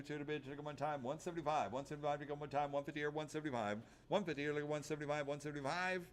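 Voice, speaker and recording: An auctioneer, a man with a voice on the high side, chants bids in a rhythmic, repetitive patter of numbers and stock phrases.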